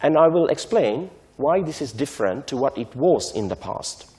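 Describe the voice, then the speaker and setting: A man, lecturing to a conference audience in a mellow voice of middle pitch. He explains things step by step and keeps checking in with his listeners. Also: sing-song. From Sri Lanka. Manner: measured, explanatory, often checks in with "right?". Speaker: invited speaker on technology transfer.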